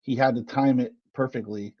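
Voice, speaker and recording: A man co-hosting a podcast chats casually, teasing his partner while arguing his point. His voice is medium-pitched with fairly even intonation at a moderate pace, and the sound is lo-fi.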